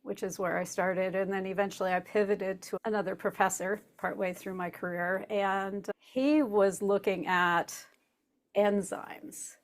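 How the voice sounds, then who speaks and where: A woman, usually the host, answering interview questions in a relaxed way, laughing easily and explaining with asides. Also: mid-range voice, a little slow. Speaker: podcast host as guest.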